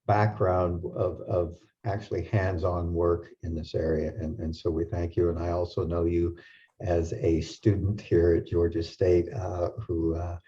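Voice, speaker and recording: A man moderating a panel discussion, halting with many fillers and restarts. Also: low voice, little pitch movement, warm tone. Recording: dull lo-fi sound.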